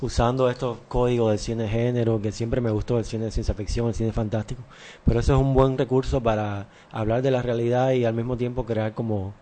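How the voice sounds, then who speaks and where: A man with a Cuban accent, a film director on a radio show, explaining his film in a relaxed, explanatory way. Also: medium pitch, a little fast. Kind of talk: interview answers.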